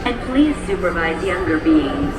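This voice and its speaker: A woman giving scripted ride safety announcements in a calm, formal manner, played over an outdoor ride loudspeaker. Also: on the low side, unhurried, distant mic. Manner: calm, formal, playful sci-fi wording. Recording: echoey loudspeaker heard from afar. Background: crowd and ride noise.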